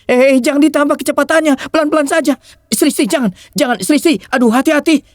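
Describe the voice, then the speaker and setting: An actor dubbing a nervous passenger begging the driver to slow down in a TV drama. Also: male voice, sits high, very animated, darkish tone, no room sound, clean studio sound. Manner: nervous, pleading. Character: jittery man, scared passenger. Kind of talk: dubbed TV drama.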